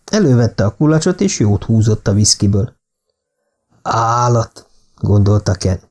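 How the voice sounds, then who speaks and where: A man narrating a thriller novel as an audiobook in a steady, even reading. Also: fairly low pitch.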